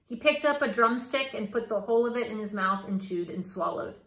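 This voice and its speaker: A woman reading a children's novel aloud, steady and clear. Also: on the high side, fairly quick. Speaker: reader. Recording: roomy echo.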